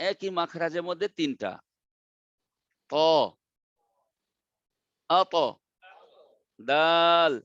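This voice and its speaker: A man teaching Quran pronunciation in an online class, drilling letters slowly and repeating them over and over. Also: a little high, fairly bright tone, no echo, muffled recording. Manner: slow, drawn-out letter drills with repetition. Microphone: video call.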